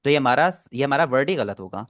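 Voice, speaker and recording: A man's voice: mid-range voice, animated, quick pace, a crowd in the background. A man teaching an online language class, patiently repeating and explaining pronunciation step by step.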